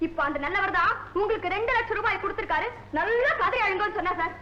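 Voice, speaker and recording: An actress playing a quick-witted young woman tenant in a 1970s film comedy, talking persuasively and managing everyone. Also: very high voice, roomy sound, muffled recording.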